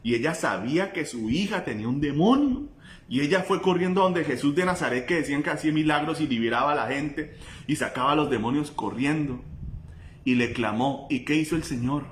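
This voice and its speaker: A male pastor, preaching a sermon with impassioned swings between loud cries and low intensity. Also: lively intonation, brisk, reverberant.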